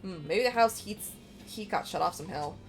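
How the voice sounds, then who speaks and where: A woman's voice: mid-range voice, lively intonation, a little fast, faint music behind. A woman casually playing through a game, reading its text aloud and dropping in offhand asides. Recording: clear background noise.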